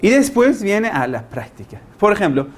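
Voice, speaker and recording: A man's voice: high-pitched, big pitch swings, normal speed. Man lecturing in non-native Spanish. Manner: explanatory, with rhetorical questions and homespun examples; humorous asides. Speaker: religious teacher giving a language-learning lecture.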